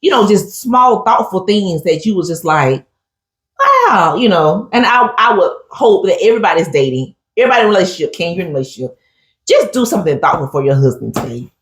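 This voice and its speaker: A woman's voice: fairly low pitch, fast, reverberant. A woman chatting casually on a talk show, telling stories with lots of animation, acting out quotes and calling her listener "honey". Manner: animated storyteller who acts out quotes and keeps saying "honey". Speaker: co-host. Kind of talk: casual chat recapping a reality show.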